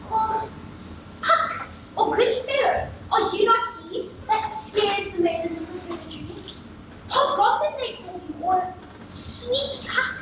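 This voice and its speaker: Woman acting an inquisitive fairy, very high-pitched. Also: heavily acted. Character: inquisitive fairy servant confronting a famous sprite. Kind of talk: Shakespearean stage acting. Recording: distant echoey stage capture with clear noise.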